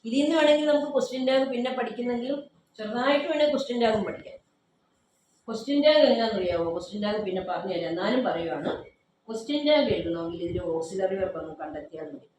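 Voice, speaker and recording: Speaking quickly in a medium-pitched, slightly mellow voice, a female teacher drills a class on grammar with questions, firmly testing students and echoing their replies. The room is very echoey, and there's faint background noise.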